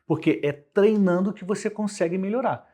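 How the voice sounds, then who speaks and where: Husky, animated Brazilian man explaining. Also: high-pitched, moderate pace. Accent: Brazilian Portuguese. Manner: animated, explains with vivid everyday examples. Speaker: guest, communication specialist. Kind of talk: conversational podcast interview.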